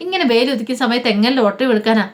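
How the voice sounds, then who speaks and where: A woman's voice: fairly high pitch, expressive, very fast, natural voice. A woman reading out the lines of a lazy middle-aged man who always has an excuse.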